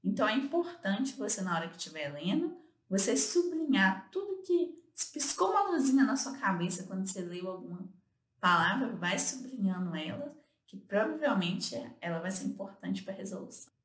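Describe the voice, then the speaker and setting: A woman, co-hosting and explaining study tips in a casual instructional way, often pausing on fillers. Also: medium pitch, very animated, roomy sound, a little hiss or hum. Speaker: co-host giving study tips.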